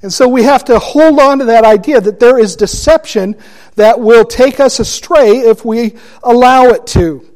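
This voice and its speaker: A man teaching a Bible study class, deliberate and asking his listeners questions. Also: very high-pitched, darkish tone.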